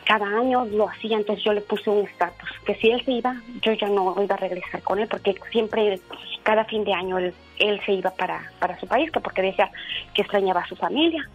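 A woman in her forties calling in to a radio show, telling a painful personal story in an earnest, halting way with many fillers and restarts. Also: mid-range voice, breathy edge, faint music behind. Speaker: radio caller. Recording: dull lo-fi radio line.

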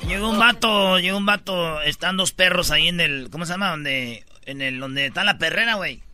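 A man's voice: sits high, brisk, bright, forceful tone, no room sound, soft background music. A man with a Mexican accent co-hosting a radio show, slangy and teasing as he tells jokes. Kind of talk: lively radio show banter.

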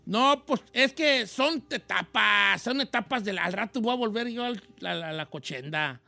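A man voicing a joking old host with a Mexican accent, chatting casually on radio in a high, slangy, rambling voice. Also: lively intonation, normal speed, creaky, pushed and bright, dry recording, exaggerated voice. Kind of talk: casual radio chat, film recommendations.

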